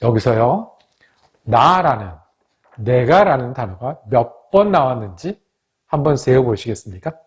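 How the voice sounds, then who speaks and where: A man, a pastor, teaching a Bible study in a measured way and asking the listeners questions. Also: mid-range voice, very animated, darkish tone, breathy edge.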